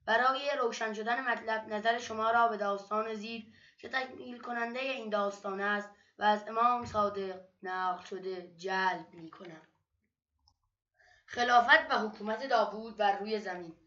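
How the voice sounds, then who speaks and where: A woman narrating religious stories from a book in a measured, steady storytelling manner. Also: mid-range voice. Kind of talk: read-aloud book narration. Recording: dull lo-fi recording.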